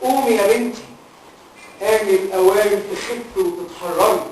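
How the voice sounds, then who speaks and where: A man's voice: high voice, moderate pace. A man playing a worn-out father in an amateur film, speaking in a weary, despairing way. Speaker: father character. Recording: echoey, distant, faint noise.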